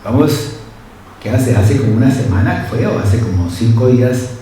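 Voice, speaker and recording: A man's voice: medium pitch, expressive, normal speed, mellow. A man preaching a sermon, talking to the congregation and often asking them questions. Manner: conversational, asks the congregation frequent questions. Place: church hall. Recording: very echoey church hall, faint noise.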